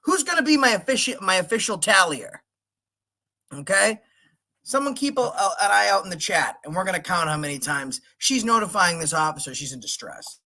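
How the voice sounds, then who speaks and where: A man's voice: sits high, sing-song, fairly quick, gravelly, pushed and bright. A man hosting a livestream, indignantly commenting on footage and talking directly to his chat. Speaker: livestream host.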